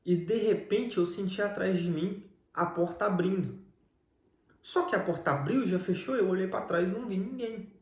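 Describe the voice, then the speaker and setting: Speaking at a moderate pace in a high-pitched voice, a man with a Brazilian Portuguese accent shares his personal religious testimony as a guest, telling his life story conversationally. The room is echoey and reverberant.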